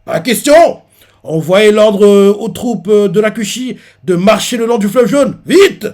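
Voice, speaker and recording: A shrewd, serious general weighs the situation aloud, read by a man in nearly his own voice. He speaks in a measured way and then barks orders. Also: on the high side, fairly even intonation. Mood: commanding. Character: calm shrewd male general, commanding.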